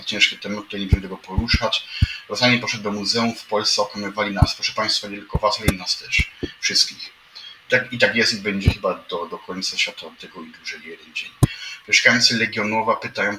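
A man drifts through the news in a meandering live commentary, full of wry asides and repeated addresses to the audience. His voice sits low. It sounds roomy and a bit far from the mic, with noise in the background. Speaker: livestream host reading news headlines. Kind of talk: rambling live commentary on headlines. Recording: echoey room, mic at a distance, audible noise.

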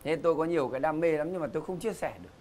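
A man's voice: on the high side, very fast, a little mellow, a little hiss or hum. A middle-aged man hosting a game show, with joking, teasing banter and theatrical emphasis. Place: TV studio stage.

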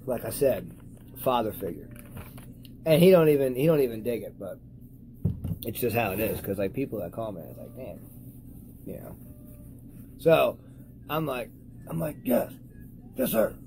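A high young man rambling profanely and losing his train of thought in a casual vlog. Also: lively intonation, normal speed, long pauses, dark tone, a little hiss or hum, rough recording. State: high on cannabis. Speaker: cannabis vlogger. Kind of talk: casual stoned rambling to camera.

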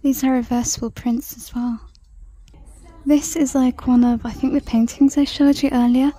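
A woman chatting through a shopping walk-through in a large store, reading out prices and sometimes dropping to a soft whisper, filmed on a handheld phone. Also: high-pitched, fairly even intonation, moderate pace, breathy edge. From United Kingdom. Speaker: shopping vlogger. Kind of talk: casual shop-with-me commentary. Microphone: handheld phone camera.

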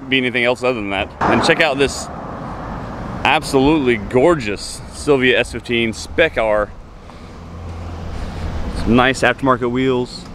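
Street noise comes through the handheld camera mic as a man in his thirties gives casual, enthusiastic car-vlog commentary next to roadside car lots and shops. He speaks at medium pitch, at a measured pace with long pauses, addressing his viewers.

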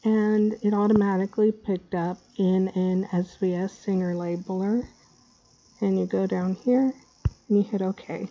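A woman walks through a casual screen tutorial at a slow pace, hesitating and losing her thread. Wearing a retainer makes her speech slightly slurred. The recording is dull and lo-fi, and her pitch is average for a woman. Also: fairly even intonation, dark tone. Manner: scatterbrained, hesitant. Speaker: tutorial maker.

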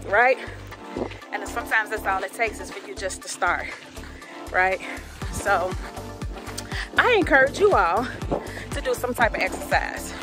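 Breathless upbeat woman vlogging on a walk. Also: fairly high pitch. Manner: upbeat, encouraging, often says "right?" and "y'all". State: out of breath while walking. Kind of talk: casual motivational vlog. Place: outdoors on a walk. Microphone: phone camera held by a companion.

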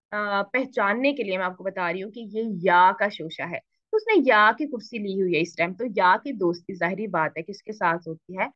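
A woman teaching Quran recitation rules to beginners. She asks questions and answers them herself, mixes in English words, and stretches syllables out slowly when she shows a reading. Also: mid-range voice, no echo, dull audio. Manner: slow, drawn-out syllables when showing a reading. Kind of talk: explaining rules to beginner students.

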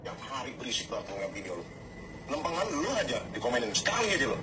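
A man's voice: mid-range voice, big pitch swings, fast talker, very noisy. A man taunting and mocking a celebrity in his own commentary video, heard as a clip playing back. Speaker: online commentator.

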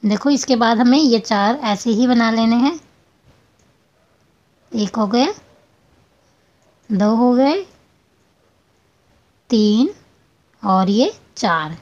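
A woman's voice: on the high side, animated, extremely slow, pauses often, a little mellow, muffled recording. A woman hosting a crochet tutorial, explaining each step patiently and counting stitches aloud.

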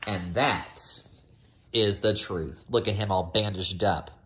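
Slow and low-voiced, an American teacher in his thirties reads a picture book to first graders, adding casual comments. He's in a small room at home, recorded on a phone or laptop at arm's length, with slight background noise.

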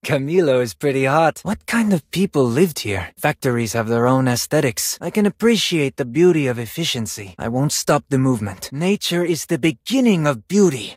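These video game character voice lines belong to a vain Spanish ballet dancer whose husky voice swings widely in pitch, delivered with a Spanish accent and a theatrical, self-admiring flourish. The sound is dry and close, with no echo.

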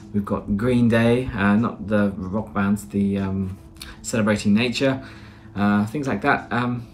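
Fairly low-pitched and a little mellow, this man's voice carries a British English accent; he's from Britain and in his thirties. He chats casually on a vlog and narrates voice-overs from a small plain room, rambling with lots of fillers like "uh" and frequent restarts.

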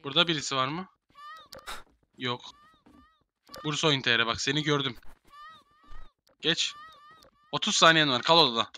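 A man's voice: mid-range voice, normal speed, long pauses, sharp tone, a little hiss or hum. A young man in casual game voice chat, bossily herding players into rooms and swearing. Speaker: gamer streamer.

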